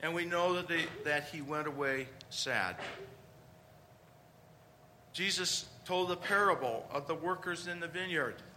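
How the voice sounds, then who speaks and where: A man's voice: on the high side, measured pace, pauses often, bright, forceful tone, slight background noise. A man preaching a conversational homily, with rhetorical questions and emphatic points.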